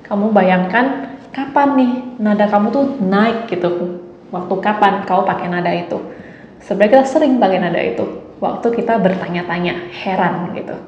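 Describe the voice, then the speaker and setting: A young woman from Indonesia hosting a casual Mandarin lesson, chatting along and demonstrating tones with drawn-out syllables. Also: mid-range voice. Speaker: Mandarin teacher, channel host. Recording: slightly dull, roomy, faint hiss.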